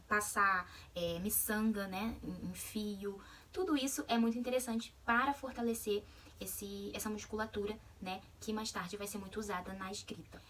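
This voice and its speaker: A woman's voice: mid-range voice, a bit bright, recorded from a distance. A Brazilian woman giving a video lesson on literacy, talking with many hesitations and check-ins to her audience. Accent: Brazilian Portuguese. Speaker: literacy educator.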